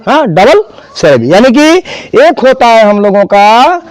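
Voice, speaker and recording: A man's voice: sits high, very animated, a little slow, no room sound. A man teaching an English grammar class, spelling words out and quizzing students. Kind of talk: classroom lesson.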